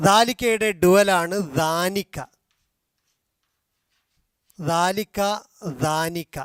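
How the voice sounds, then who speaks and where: A man teaching a language class, slowly repeating and drilling grammar forms, with a Malayali accent. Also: high voice, a bit bright, clear, resonant tone, no room sound, studio quality. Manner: slow, drilling repetition of forms. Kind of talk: explaining grammar in a video class.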